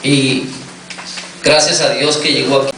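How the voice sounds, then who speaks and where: Male pastor, measured sermon delivery, bright tone, quizzes the congregation, distant echoey hall recording. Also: medium pitch, little pitch movement, slight background noise. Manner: questions the congregation, repeats "me entiendes".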